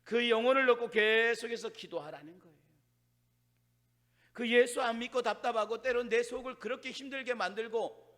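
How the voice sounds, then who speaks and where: A male pastor preaching a sermon to his congregation. He is animated, acts out quoted complaints and drops to hushed asides. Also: very high voice, normal speed. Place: church sanctuary. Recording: reverberant church sanctuary.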